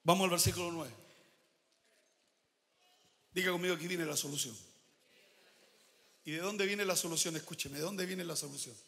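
A pastor preaching a sermon with emphatic declarations and quiet asides. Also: male voice, a little high, moderate pace, long pauses, big-room sound.

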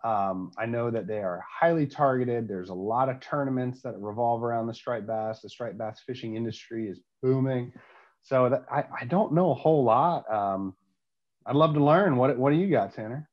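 Young male co-host, mid-pitched, hesitant with lots of ums, on muffled video call audio. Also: normal speed. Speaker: podcast co-host. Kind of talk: casual chat.

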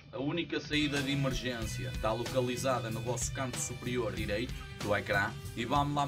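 A man playing an airline captain who gives a formal cabin announcement through a muffled, distant intercom sound. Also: mid-range voice. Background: music.

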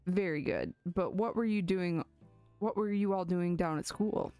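A woman voicing a pompous, self-satisfied pigeon doctor in a game, formal and measured. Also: fairly low pitch, mellow, smooth, soft background music. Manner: formal, measured bedside manner.

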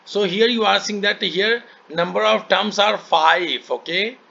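A man's voice: high voice, measured pace, gravelly, bright, forceful tone. A man with an Indian accent and Hindi as his first language, tutoring maths one-to-one step by step, repeating himself and often checking understanding. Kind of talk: one-to-one lesson, explaining step by step. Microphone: online call microphone. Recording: muffled, noisy online call recording.

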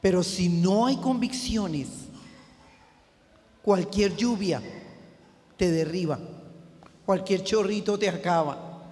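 A woman's voice: mid-range voice, slow, long pauses, a little mellow, in a large hall. A woman pastor preaching a sermon in a church, driving her points home with emphatic repetition.

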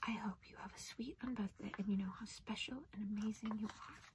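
A woman playing a whimsical, scatterbrained Mad Hatter in an ASMR roleplay, soft-spoken and often dropping into whispers. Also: mid-range voice, fairly even intonation, fairly quick, background noise, natural voice. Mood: hushed, whimsical. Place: indoors at a craft table.

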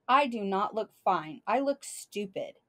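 A woman voicing a nervous, anxious boy sidekick who talks in a flustered, halting way, reading from a storybook. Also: medium pitch, animated, pushed and bright.

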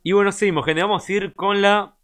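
A young man with a Rioplatense Spanish accent, giving excitable, casual gameplay commentary as a streamer and talking straight to his chat. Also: sits high, a little fast, slight background noise. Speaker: gaming streamer.

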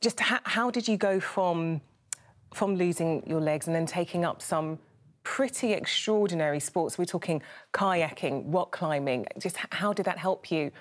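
A woman presenting the news from a TV studio, reading a measured, scripted introduction and then asking questions. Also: lowish voice.

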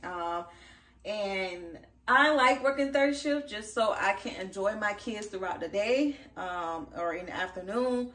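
A woman's voice: mid-range voice, animated, a little slow, pushed and bright, recorded from a distance. A woman in her thirties, a working mom, chatting casually to camera from her home kitchen with lots of fillers. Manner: chatty, upbeat, frequent fillers. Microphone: camera across the room. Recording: echoey kitchen, voice from afar.

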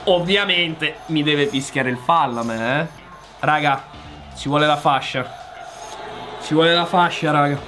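A young man commentating his own football game match, shouting and complaining at the referee. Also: fairly high pitch, measured pace, pauses often. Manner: shouting, exasperated outbursts at the referee. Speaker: gaming youtuber. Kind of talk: excited live game commentary.

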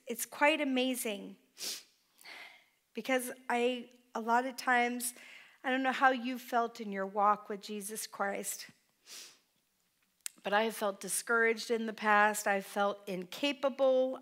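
A woman's voice: on the high side, steady tone, slow pace, pauses often. A middle-aged woman pastor giving a heartfelt sermon in a church hall, picked up by a distant microphone. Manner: heartfelt, tearful at times, with soft laughs. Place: church hall with a small stage.

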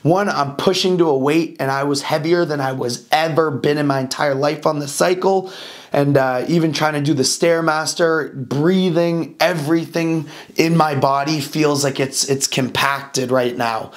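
Speaking in a slightly high voice, this young fitness vlogger talks to camera in a casual way, full of fillers and frequent swearing, and he doesn't mince words.

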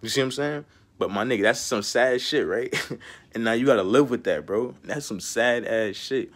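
A young vlogger talks casually to the camera in a mid-range voice at a normal speed. He rambles in slang, handing out street-style life advice and constantly dropping "bro" and "you know what I'm saying."

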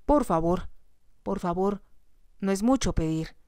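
Heartbroken young bride, read by a woman in whispered role-play, soft, pleading, dry close sound. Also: mid-range voice, lively intonation, a little slow, smooth, no room sound, natural voice.

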